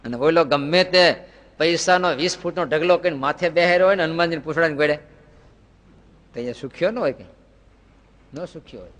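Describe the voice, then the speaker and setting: Pausing often and talking fairly quickly, a man gives a devotional sermon as a spiritual teacher, posing rhetorical questions and sharing folksy stories. His pitch is fairly high, his tone a bit bright. The sound carries long reverb from a hall.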